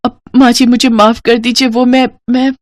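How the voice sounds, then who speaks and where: A woman's voice: a little high, fairly even intonation, moderate pace, noisy background, pitched above the performer's own voice, lightly acted. A woman voicing Simran, a timid young bride. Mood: anxious. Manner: anxious pleading, stammering. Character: timid young new bride, easily frightened.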